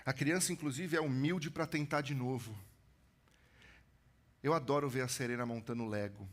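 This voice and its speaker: A man in his thirties, a pastor from São Paulo with a São Paulo accent, preaching a sermon with animated storytelling that swings from loud build-ups to hushed lines. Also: mid-range voice, moderate pace. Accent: São Paulo Brazilian Portuguese. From São Paulo, Brazil. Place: church stage.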